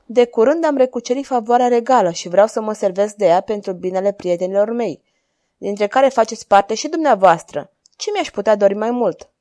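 A woman's voice: medium pitch, warm tone, no room sound, studio quality, lightly acted. A woman voicing a scheming male court jester who talks in a sly, teasing way. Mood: pleased.

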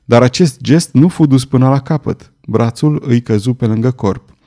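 A man narrating a romantic novel as an audiobook, reading in an expressive, theatrical way. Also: medium pitch.

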